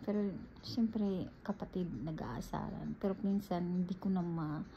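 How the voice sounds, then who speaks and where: A woman from the Philippines tells her own story straight to her viewers, calling them guys as she goes. Her delivery is animated, and the recording sounds dull and lo-fi with faint ambient noise behind her. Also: on the low side, unhurried. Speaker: vlogger.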